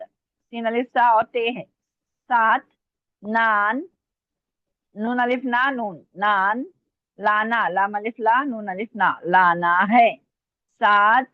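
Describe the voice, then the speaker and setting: Woman teacher, patient slow dictation, letter-by-letter spelling, thin phone-like sound with no room echo. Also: fairly high pitch. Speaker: Urdu teacher. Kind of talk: online language lesson dictation. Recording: tinny phone-like line, dry.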